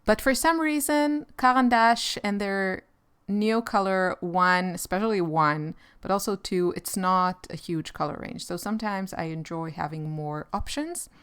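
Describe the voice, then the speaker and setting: Israeli woman artist host, unhurried easy chat while painting, clear smooth voice, slightly low. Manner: relaxed, rambling, with light laughs.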